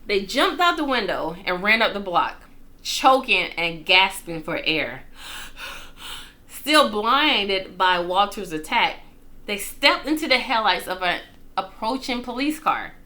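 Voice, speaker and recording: Animated, bright-voiced woman reading stories. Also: medium pitch, takes it slowly. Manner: expressive, playful, dramatic. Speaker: storytime reader. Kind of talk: animated children's story read-aloud with casual asides.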